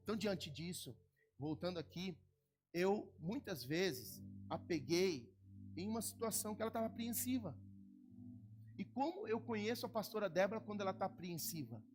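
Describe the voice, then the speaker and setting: A middle-aged man from Brazil preaching a sermon as pastor, moving between quiet, personal asides and loud, rising exhortation. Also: sits high.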